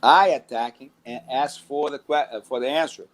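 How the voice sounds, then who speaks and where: A middle-aged Brazilian man with a Brazilian Portuguese accent, a jiu-jitsu instructor, talks casually about teaching. He rambles, restarts often and says "man" a lot. His voice is medium-pitched and his speed normal.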